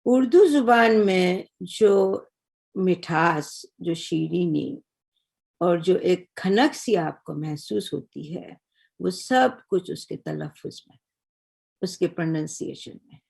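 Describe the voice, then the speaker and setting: An older woman giving a lecture on Urdu, explaining patiently and measured, often checking in with her listeners. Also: on the low side, gravelly, a little mellow, husky. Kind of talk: recorded lecture.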